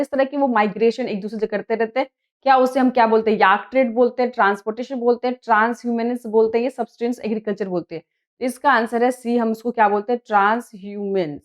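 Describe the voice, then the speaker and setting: Woman, teacher, Hindi accent, fairly high voice, slow read-aloud questions, exam-prep explanations. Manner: reads English questions slowly, then explains in Hindi.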